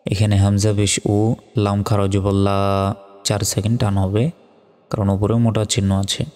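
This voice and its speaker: A man teaching Quran reading, spelling out each word slowly and evenly, then reciting it in long drawn-out tones. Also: lowish voice, long reverb tail. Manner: slow, even spelling drills, with drawn-out recitation.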